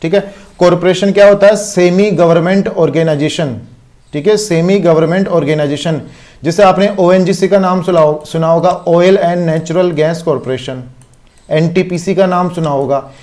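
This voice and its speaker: Man, Indian accent, fairly high voice, coaching class lecture, repeats points and asks the class questions. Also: fairly even intonation, moderate pace, darkish tone. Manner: explains step by step, checks in with constant rhetorical questions. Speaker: exam coaching teacher. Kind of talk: online lecture.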